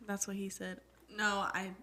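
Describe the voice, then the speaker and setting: A woman in her thirties, a guest on a casual podcast, with a bright, forward tone at a mid pitch. She chats loosely and laughs easily, over a faint background hum. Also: completely flat delivery, moderate pace. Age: 30s. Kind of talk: casual chat.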